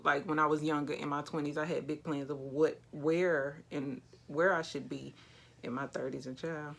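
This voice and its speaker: Woman, 30, low gravelly voice, relaxed candid vlog chat. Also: normal speed. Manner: relaxed, candid, chatty with slang and light swearing. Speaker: beauty vlogger. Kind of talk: casual chat while doing makeup. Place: small indoor room with a plain backdrop.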